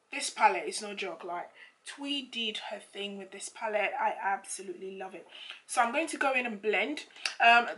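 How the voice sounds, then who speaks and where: A woman with a slightly croaky, froggy voice, chatting casually and informally as she explains a makeup tutorial step by step. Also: medium pitch, pushed and bright. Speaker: makeup vlogger.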